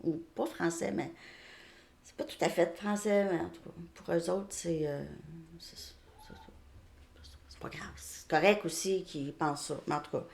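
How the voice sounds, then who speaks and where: This Quebec tarot reader speaks in a lowish, creaky, slightly mellow voice, steady and moderately paced. Chatting casually from her home beyond the Montreal suburbs, she keeps asking "ok?" and often starts her sentences over, with a Québécois French accent.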